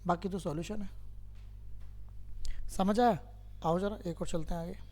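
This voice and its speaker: A man's voice: high voice, steady tone, moderate pace, a little mellow. A man teaching a math lesson to a class, who keeps quizzing his students and patiently repeats each step.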